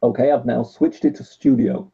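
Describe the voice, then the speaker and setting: A man's voice: medium pitch, fairly even intonation, creaky, warm tone, husky. British man, muffled as if through a tube. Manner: measured, hesitant, with many ums. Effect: muffled, as if talking down a tube. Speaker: co-host of a live stream show. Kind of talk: casual live stream chat. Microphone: webcam mic picked up over a video call. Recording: muffled, dull lo-fi webcam audio.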